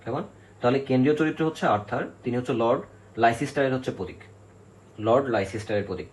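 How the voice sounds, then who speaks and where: A man's voice: medium pitch, fast, poor audio. Male literature teacher, exam-prep lecture, mid-range voice, methodical, faint background noise. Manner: explains step by step, counts syllables aloud, asks "কেমন?" often.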